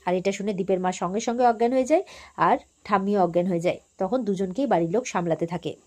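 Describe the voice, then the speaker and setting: A woman's voice: mid-range voice, fast talker, a little mellow. Chatty woman recapping a serial. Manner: chatty retelling with fillers. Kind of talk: casual episode recap narration.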